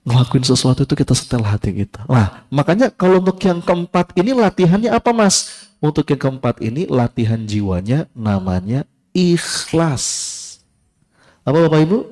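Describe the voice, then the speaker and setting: Guy preaching to a crowd, kinda high voice, chatty and lively, keeps talking right at the people in front of him. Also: normal speed. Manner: lively storyteller who talks directly to listeners. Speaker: Islamic preacher. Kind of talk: sermon to a live congregation.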